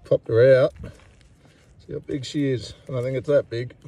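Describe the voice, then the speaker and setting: A man's voice: mid-range voice, fairly even intonation, moderate pace, dark tone, dull audio. A man vlogging casually as a gold prospector in a laconic, understated way, recorded outdoors. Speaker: gold prospector filming finds. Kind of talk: casual field vlog. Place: outdoors at a gold digging site. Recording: clearly noisy outdoor handheld recording.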